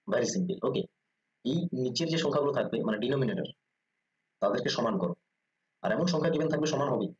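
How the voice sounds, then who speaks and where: Fast-talking Bengali-accented male math teacher. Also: mid-range voice, muffled recording. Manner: quick, repeats "ঠিক আছে?" checks, explains step by step. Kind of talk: exam-prep math lesson.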